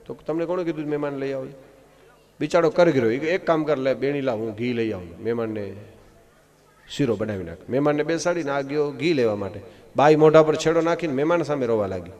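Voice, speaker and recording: A man from Gujarat, giving a devotional discourse full of folk stories, acting out the characters and rising loud at punchlines, recorded live through a PA. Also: on the high side. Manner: animated storytelling, acts out voices of wife and husband, rises loud in punchlines. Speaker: katha storyteller. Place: live outdoor religious gathering.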